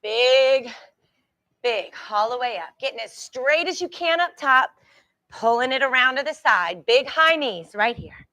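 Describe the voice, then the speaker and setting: Bright, high-voiced woman coaching a workout. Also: expressive, measured pace, no room sound. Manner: encouraging, reassuring; instructs in short repeated cues and countdowns. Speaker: fitness instructor. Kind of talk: live group exercise class coaching.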